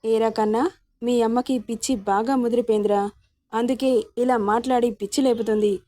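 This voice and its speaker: A woman's voice: on the high side, steady tone, normal speed, dark tone, no room sound, clean studio sound, natural voice. Woman voicing a domineering young husband. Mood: teasing. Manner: scolding, sarcastic.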